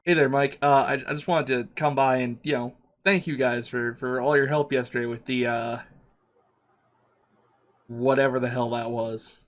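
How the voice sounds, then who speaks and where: A man voicing a friendly male taxi driver in a tabletop role-play, halting and folksy. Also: medium pitch, fairly even intonation, close to an everyday voice. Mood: grateful. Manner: halting, folksy, fumbling for words.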